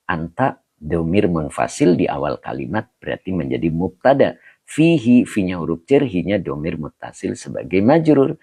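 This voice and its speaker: A man teaching Arabic grammar in an online study session, relaxed and chuckling often, drawing out Arabic slowly. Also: low voice, vocal fry, slightly rough, no echo. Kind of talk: online livestream lesson, reading comments.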